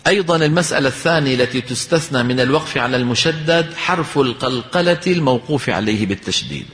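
A man teaching Quran recitation. He asks questions, answers them himself and slowly chants the verses he uses as examples. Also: medium pitch, lively intonation, fairly bright tone. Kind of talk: recitation lesson. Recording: long hall reverb.

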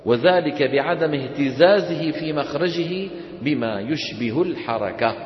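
A man's voice: on the high side, lively intonation, a little slow. Man teaching in an echoey hall. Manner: questioning, drilling students call-and-response. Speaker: Quran recitation teacher. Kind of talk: classroom instruction. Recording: echoey hall, dull sound.

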